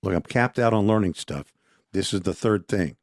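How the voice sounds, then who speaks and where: Male co-host, low register, dry close mic, loose rambling delivery. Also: normal speed, no echo. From Texas. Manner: rambling, restarts often. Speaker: podcast co-host. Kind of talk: casual conversation.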